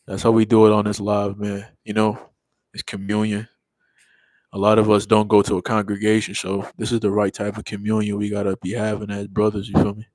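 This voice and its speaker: Tired and yawning after a long day, a young man hosts a relaxed livestream and reads comments in a slang-heavy drawl. His voice is on the low side, monotone and a little mellow, moving fairly quickly, with no echo.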